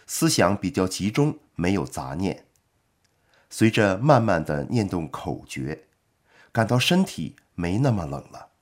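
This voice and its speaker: A man calmly reading a written article aloud, in steady scripted narration. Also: fairly low pitch, slightly rough. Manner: calm, measured reading.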